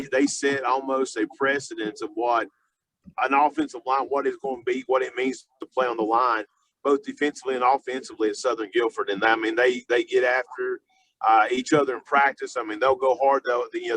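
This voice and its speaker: A male football coach talks through an unscripted sports interview. His voice sits at an average pitch, and his sentences come haltingly, padded with fillers and doubled-back phrases. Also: fairly even intonation, fairly bright tone, poor audio. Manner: halting, filler-heavy, repeats and restarts phrases often. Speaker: high school football coach being interviewed.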